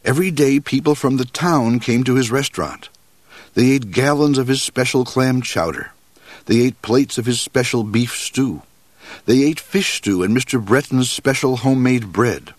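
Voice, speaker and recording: A man reading a children's storybook aloud in a measured, expressive way. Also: mid-range voice, dry recording.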